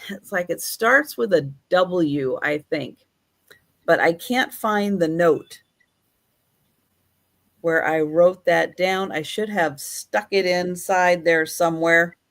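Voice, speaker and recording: Slow, unhurried woman selling on a livestream. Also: on the low side. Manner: unhurried, chatty, measured. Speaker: live auction seller. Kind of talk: live sale patter, describing items.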